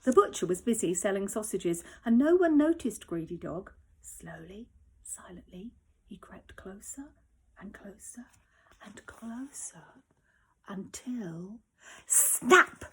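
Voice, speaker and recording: A female primary school teacher reads a children's story aloud at home, slowly and expressively, her medium-pitched voice slightly rough. She drops to a whisper during the suspenseful moments.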